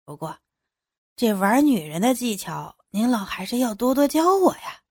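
A woman voicing a crude, fawning man who flatters his boss, in an adult audio story. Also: on the high side, normal speed, husky, no echo, clean studio sound, full character voice. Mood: sleazy. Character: crude young male hanger-on, flattering and lewd.

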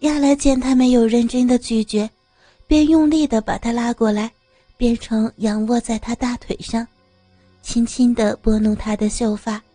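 A woman narrating an audio story in a smooth, steady reading voice. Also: on the high side, moderate pace, no echo, soft background music.

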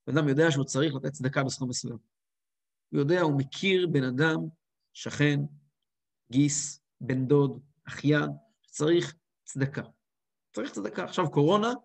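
A man teaching a lively spoken lesson as a rabbi, acting out quotes and voices with big swings. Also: on the high side, gravelly.

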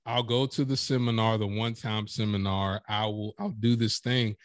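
A man's voice: on the low side, normal speed, no room sound, clean studio sound. A man guesting on a podcast as a professional speaker, chatting casually and emphatically, acting out quotes as he makes his points. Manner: animated, emphatic storytelling with acted-out quotes. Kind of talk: casual interview chat.

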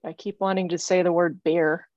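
A woman's voice: lowish voice, flat delivery, normal speed, darkish tone, dry recording, highs cut off. A woman giving a psychic reading over a remote call, earnest and insistent, often stopping and repeating her phrases. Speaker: psychic medium.

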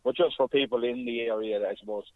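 A man with an Irish accent speaking as a press officer in a radio phone interview, explaining politely in halting phrases. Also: medium pitch, steady tone, no echo. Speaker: motor club press officer, radio guest. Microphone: telephone. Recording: narrow, tinny phone line.

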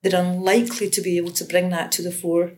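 Speaking fast with little pitch movement, this woman has a voice on the low side and a slightly mellow quality. She's a lecturer and education researcher from Scotland, in her fifties, thoughtfully explaining her research in an interview while often restarting and using fillers.

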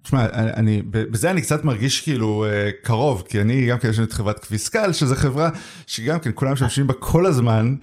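A man with an Israeli accent hosting a casual interview, speaking informally and haltingly with plenty of filler words. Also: mid-range voice, darkish tone. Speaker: podcast host.

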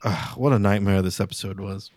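A man co-hosting a podcast, telling stories in a rambling, halting, self-deprecating way over casual chat. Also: low-pitched, fairly even intonation, darkish tone, no room sound. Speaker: podcast co-host.

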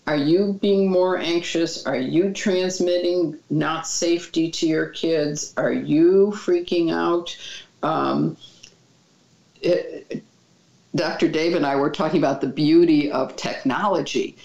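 A woman with a low, gravelly voice gives calm, reassuring advice as a child mental health expert. The sound is dull and echoes around the room. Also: slow. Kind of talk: interview answers.

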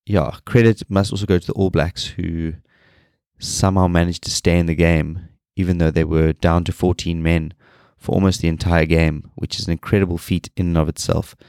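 Hosting his own solo podcast, a man with a very deep, clear, resonant voice sounds stuffed up and nasal from a cold. He talks flatly and with low energy at a moderate pace, rambling and restarting sentences. The recording is dry and close, with no room sound.

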